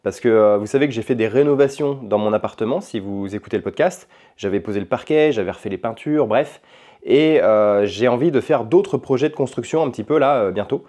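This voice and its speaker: A man in a casual home vlog, with a warm, mellow voice and a middle pitch. He talks in an easy, rambling way, with many small hesitations. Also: a little fast. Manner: relaxed and rambling, with frequent hesitations. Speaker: language-learning vlogger and podcaster. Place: at home in his apartment.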